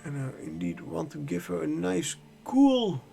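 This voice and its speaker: Man streaming his hobby painting, high gravelly voice, slow rambling talk, faint music behind. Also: big pitch swings, mellow. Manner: rambling, self-correcting, jokey asides. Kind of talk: casual live-stream painting commentary. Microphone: desk microphone.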